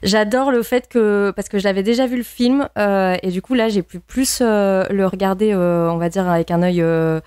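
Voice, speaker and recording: A woman's voice: mid-range voice, steady tone, moderate pace, hardly any pauses, a little mellow, clean tone, no echo, studio quality. A woman in a casual film discussion, analytical and opinionated, often repeating words as she works out her point.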